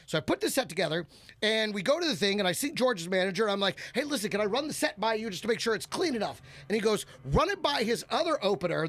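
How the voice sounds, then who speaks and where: Male comedian guest, high and lively, gravelly edge; casual storytelling, mimics others. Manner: animated, acts out other people's voices, swears freely.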